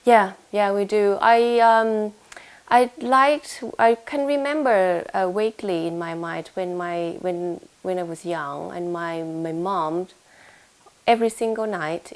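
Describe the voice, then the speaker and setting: Speaking at a measured pace in a voice on the low side, a young Thai woman with a Thai accent answers interview questions for a casual oral history. She is in a home room in London and hesitates a lot, with many fillers and restarts.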